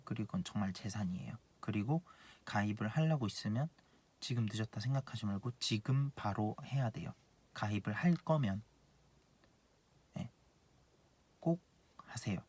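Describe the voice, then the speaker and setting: A man's voice: lowish voice, animated, moderate pace, long pauses, a little mellow, slightly rough. A man in his late twenties, an insurance planner, giving blunt, earnest advice in a casual monologue and repeating his key points. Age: 20s.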